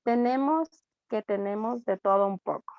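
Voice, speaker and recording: A woman with an Ecuadorian accent, a student reading a text aloud in class, steady with small slips. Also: fairly high pitch, moderate pace, dry recording, dull audio. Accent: Ecuadorian Spanish.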